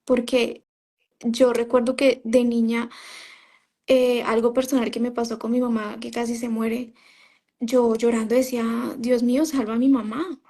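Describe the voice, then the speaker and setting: Woman, interview guest, personal testimony, conversational storytelling, quotes herself, fairly high pitch. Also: little pitch movement, moderate pace, dark tone. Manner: storytelling, often quoting herself, frequent "¿sabes?" and "o sea". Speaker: interview guest, former member of a religious group.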